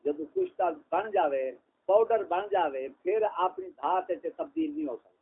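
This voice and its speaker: A man's voice: high-pitched, sing-song, creaky, breathy edge. A man preaching an impassioned sermon, firing off rhetorical questions and mocking refrains. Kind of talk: fiery sermon. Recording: tinny phone-like mobile recording.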